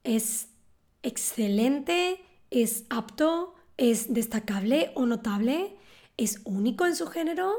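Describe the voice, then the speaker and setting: A woman, giving a calm, clear scripted lesson on words. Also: on the high side, takes it slowly. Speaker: Spanish teacher.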